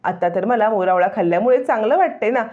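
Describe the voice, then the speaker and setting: A woman's voice: medium pitch, quick pace, lightly acted. A woman reading the lines of a stubborn young wife who politely protests, in a dull lo-fi recording. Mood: protesting.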